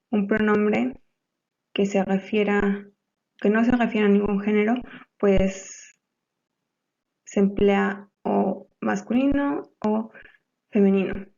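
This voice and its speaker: A young woman presents a grammar lesson at a slow, even pace, her voice gravelly and mellow. She explains hesitantly, pausing on fillers. The recording sounds dull and lo-fi. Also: medium pitch. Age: young adult. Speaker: student presenter.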